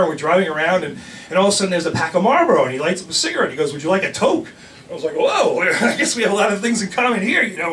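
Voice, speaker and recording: An older man from the New York area telling a rambling personal story on stage, animated, with restarts and laughs. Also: high voice, distant mic, slight background noise.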